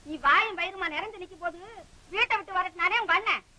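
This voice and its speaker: An actress playing a sharp-tongued scheming aunt in an old film, taunting and scolding. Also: female voice, very high-pitched, fast talker, heavily acted. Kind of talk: 1960s film acting.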